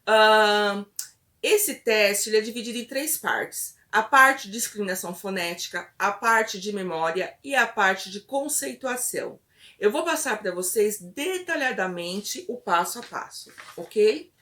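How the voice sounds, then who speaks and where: A woman instructor patiently explaining a test step by step, often pausing to check in with her listeners. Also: medium pitch, lively intonation, sharp tone.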